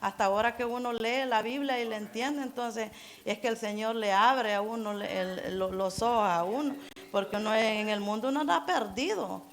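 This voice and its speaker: Halting, earnest woman preaching in church. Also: fairly high pitch. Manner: halting, earnest, many restarts and repeated words; keeps urging listeners to imagine. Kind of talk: informal Spanish-language church sermon.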